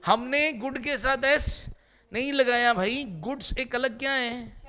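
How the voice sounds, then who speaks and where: A man's voice: very high voice, slow pace, pushed and bright. A man teaching English vocabulary in a classroom, quizzing students with repeated questions in a playful way.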